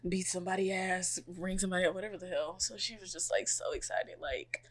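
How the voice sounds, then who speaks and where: A woman's voice: fairly low pitch, fast. A young woman co-hosting a podcast, telling stories with lots of energy, laughing often and acting out what other people said. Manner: animated, laughing, acts out quoted people. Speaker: podcast co-host. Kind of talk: casual storytelling chat.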